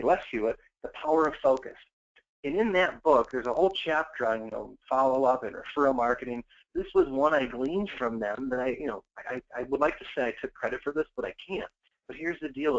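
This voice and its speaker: A man giving an energetic sales training talk, coaching listeners and acting out customer conversations. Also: medium pitch, creaky. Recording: dull lo-fi call audio.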